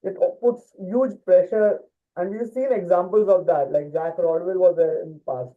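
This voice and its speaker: A man's voice: high voice, moderate pace. A man co-hosting a casual football chat, talking with many fillers and restarts. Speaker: podcast co-host. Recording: tinny phone-like line.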